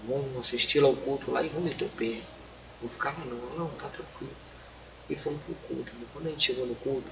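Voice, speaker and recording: Gravelly Brazilian man telling a testimony. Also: medium pitch. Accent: Brazilian Portuguese. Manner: lively storyteller, keeps saying "rapaz", acts out dialogue. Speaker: evangelist guest on a church podcast. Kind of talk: casual testimony storytelling. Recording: clear background noise.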